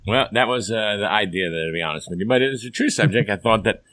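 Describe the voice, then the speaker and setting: A fast-talking, expressive podcast host keeps his casual chat folksy and upbeat. Though hoarse and low-ish, his voice comes through bright and forceful, and the recording is dry and close with no room around it.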